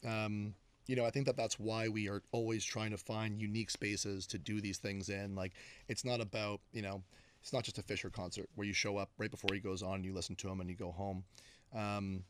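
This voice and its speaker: A man's voice: on the low side, fairly quick. A man in his thirties from Canada, a guest talking casually and enthusiastically with lots of fillers. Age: 30s. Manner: relaxed, filler-heavy, enthusiastic. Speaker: guest, agency co-founder. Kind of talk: casual interview talk. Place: radio studio. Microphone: studio mic.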